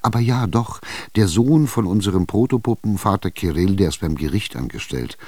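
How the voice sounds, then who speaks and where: In a radio drama reading, a male reader voices a fretful old widow, dragging out words in a low, slow, hesitant whine that is animated and mellow. She sounds stubborn and easily frightened, and the dry, close recording keeps every sigh near.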